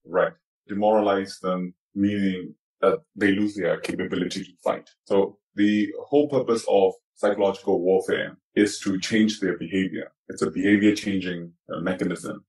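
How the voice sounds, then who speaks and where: A man speaking through a voice-altering effect that disguises him, answering interview questions in a measured, explanatory way. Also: steady tone, darkish tone, rough recording. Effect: voice altered to disguise identity, pitched down. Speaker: activist interviewee.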